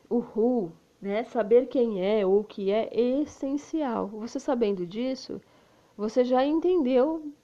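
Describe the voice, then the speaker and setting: A woman with a Brazilian Portuguese accent, a native Portuguese speaker, teaching English and slowly repeating example phrases, often adding "né?". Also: a little high, mellow, highs cut off. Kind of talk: slow explanatory lesson.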